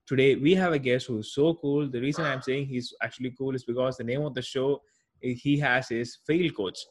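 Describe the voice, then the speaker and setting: A man's voice: medium pitch, fairly even intonation, brisk. A man hosting a podcast, introducing his guest with enthusiasm and some hesitant fillers. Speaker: podcast host. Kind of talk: interview hosting.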